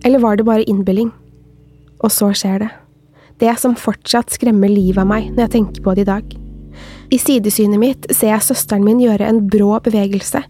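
A woman co-hosting a podcast, reading a listener's horror story aloud in a slow, measured way. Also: mid-range voice, dark tone. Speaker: podcast co-host.

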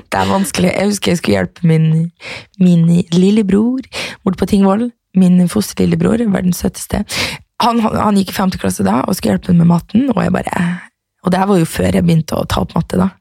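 A woman's voice: mid-range voice, creaky, a little mellow, husky, dry recording, studio quality. A woman in her twenties co-hosting a podcast, telling stories in casual chat and laughing often. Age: 20s. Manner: chatty storyteller, laughs often. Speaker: podcast co-host.

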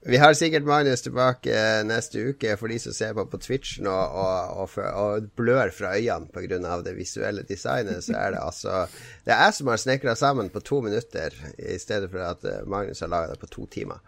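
A man's voice: fairly low pitch, creaky, a bit bright, no room sound. A man hosting a show in a casual, chatty style. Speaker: host. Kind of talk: casual chat.

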